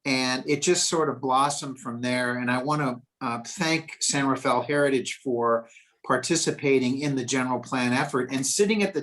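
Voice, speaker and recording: Older man, retiring staffer, modest and halting, says "uh" often. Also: mid-range voice, fairly bright tone. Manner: humble, hesitant with fillers. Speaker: retiring city staff member. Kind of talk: thank-you remarks at a meeting.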